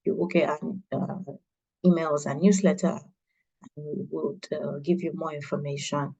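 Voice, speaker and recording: A woman hosting an online launch meeting, talking in a halting way with many fillers and restarts. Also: sits low, level tone, gravelly, warm tone, breathy edge, rough recording. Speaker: event host.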